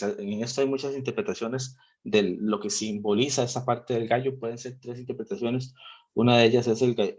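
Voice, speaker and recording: A man's voice: lowish voice, a little mellow, highs cut off. A man from Rica, reading scripture aloud and patiently explaining it in a Bible study talk. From Costa Rica. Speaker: theology group speaker.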